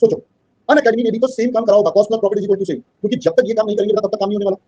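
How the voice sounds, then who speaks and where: Fast-talking man teaching an online class. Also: high voice, level tone, warm tone, husky, dull audio. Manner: keeps checking understanding, calls students "beta". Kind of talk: online class lecture mixing Hindi and English.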